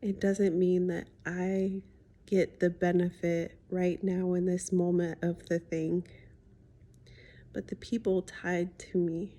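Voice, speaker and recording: A woman talking reflectively in a confiding personal vlog as a healing coach, with slightly lisped speech from wearing a retainer, pausing thoughtfully and often softening to a near-whisper. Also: lowish voice, flat delivery. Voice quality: slight lisp from speaking with a retainer in. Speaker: spiritual healing coach sharing a personal story.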